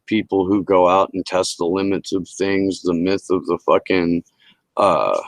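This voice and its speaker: A man's voice: unhurried, dry recording, rough recording. A man hosting a livestream, talking casually and emphatically about politics with heavy swearing, heard over close headset-style audio. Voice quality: low-pitched voice. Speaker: livestream talk show host. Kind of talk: casual political rant to a live chat.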